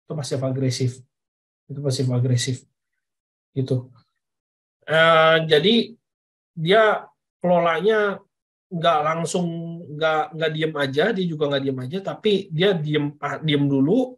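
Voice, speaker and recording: A man's voice: fairly high pitch, a little slow, pauses often, breathy edge. A man giving a casual parenting lesson to parents over slides, repeating phrases and checking in with "oke?". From Indonesia. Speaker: parenting educator.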